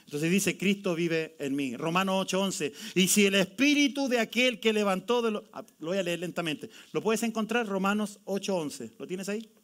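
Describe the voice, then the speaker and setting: A man preaching in church with a high, bright, ringing voice. He leads the congregation through scripture with lively, urgent energy, calling on them to repeat the verses aloud. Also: moderate pace, few pauses. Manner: lively preaching, calls on the congregation to read along. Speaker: pastor. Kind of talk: sermon.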